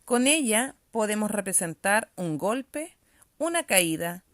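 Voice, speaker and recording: A woman's voice: mid-range voice, very animated, slow pace, dry recording, studio quality. A woman teacher giving a reading-comprehension lesson, explaining patiently and often checking that pupils follow.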